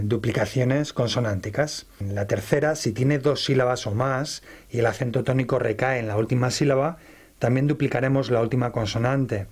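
A man's voice: mid-range voice, darkish tone, breathy edge. A man teaching English grammar in a radio lesson, listing rules in order and reading out word examples one by one.

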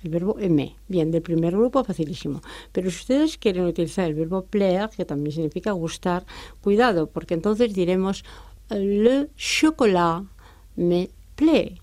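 Patient woman teaching slowly. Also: on the low side, dark tone, no echo. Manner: patient, didactic, repeats example words slowly. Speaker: French teacher. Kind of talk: explaining French pronunciation and grammar in Spanish.

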